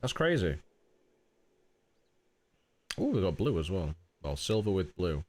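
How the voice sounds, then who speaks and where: A man's voice: deep voice, big pitch swings, measured pace, a little mellow. Nasal man chatting on stream. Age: 30s. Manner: rambling, chatty, talks to chat as mate. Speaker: game streamer. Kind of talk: casual live-stream chat.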